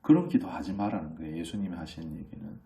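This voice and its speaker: A middle-aged man preaching a sermon as pastor, conversational and animated, often asking the congregation questions and acting out voices. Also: sits low, fast, gravelly, far from the mic. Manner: animated, acts out children's voices in quotes.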